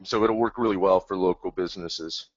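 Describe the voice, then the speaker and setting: A man's voice: deep voice, a little fast, no echo. A man co-hosting a webinar, talking casually and enthusiastically in a rambling, plain-spoken way over an online call. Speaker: webinar co-host. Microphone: computer mic over an online call. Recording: dull, dry online call audio.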